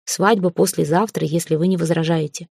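A woman reading an audiobook, voicing a calm, polite young man who speaks in a composed, formal way. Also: fairly low pitch, fairly quick, creaky, slightly rough, no echo, studio quality.

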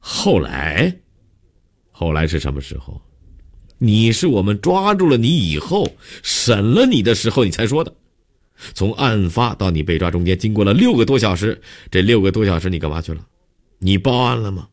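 A stern middle-aged police captain from a storybook, lecturing a suspect with long pauses and drawn-out fillers, as a male narrator acts him out. The voice sits extremely deep and gets louder and pushier as he presses. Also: huge pitch swings, full character voice. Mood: scolding. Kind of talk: audiobook character voice.

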